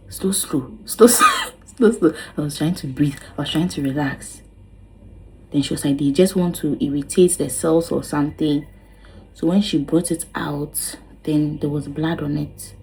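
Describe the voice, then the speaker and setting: A woman's voice: low-pitched, warm tone, a little hiss or hum, poor audio. A young woman telling her own story to camera, dramatic and exclaiming, acting out what each person said. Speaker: vlogger.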